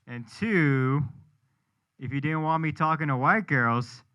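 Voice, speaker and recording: A man's voice: a little high, takes it slowly, bright, forceful tone, clean tone. Self-mocking young male stand-up comic. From New Hampshire, US. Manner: self-deprecating, punchline delivery. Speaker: stand-up comedian. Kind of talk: stand-up set. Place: live comedy show with audience.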